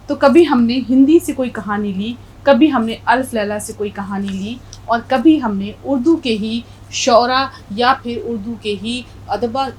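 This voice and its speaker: A middle-aged woman speaks in a slightly high voice as she teaches a language lesson. She talks slowly and patiently, spelling words out letter by letter and stressing correct pronunciation. A faint hiss sits under the recording. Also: low-quality recording. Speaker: Urdu teacher.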